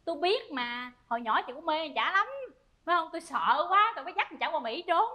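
A woman's voice: very high-pitched, lively intonation, brisk, pushed and bright, exaggerated voice. An actress playing a bossy wife who wails and pleads over her husband, in a stage comedy sketch. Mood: furious. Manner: theatrical wailing and pleading. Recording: live stage with audience laughter.

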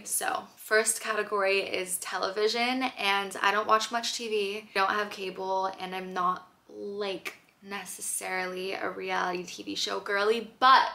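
A woman's voice: mid-range voice, pushed and bright. A young woman chatting to camera from her bedroom about her monthly favorites, upbeat and full of fillers. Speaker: lifestyle vlogger. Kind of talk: casual chat to camera. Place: bedroom at home, indoors.

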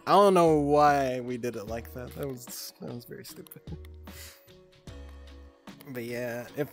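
A woman's voice: very deep voice, a little mellow. A woman in her twenties chatting casually with her stream chat, laid-back and giggly, swearing freely. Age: 20s.

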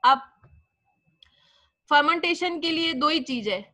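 A woman's voice: high voice, lively intonation, slow, bright, forceful tone, no echo. A young woman teaching a biology class, explaining step by step and answering her own questions. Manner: mixes English terms into Hindi. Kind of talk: classroom lecture.

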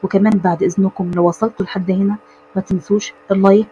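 Fast-talking Egyptian woman narrator. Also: medium pitch, dull audio, a little hiss or hum. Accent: Egyptian Arabic. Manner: lively, addresses viewers. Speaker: storyteller. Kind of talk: narrating an animated story.

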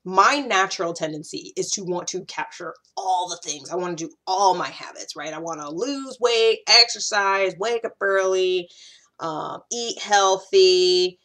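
Speaking in a lowish, unhurried voice, an American woman in her thirties shares self-growth advice as a YouTube host. Her direct-to-camera delivery is casual and conversational, with lively gestures and emphatic repetition.

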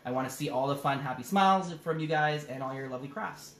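A man's voice: medium pitch, fast talker, fairly bright tone. Playful drag queen storyteller in a roomy space. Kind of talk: children's storytime, casual chat with viewers. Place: living room at home, indoors.

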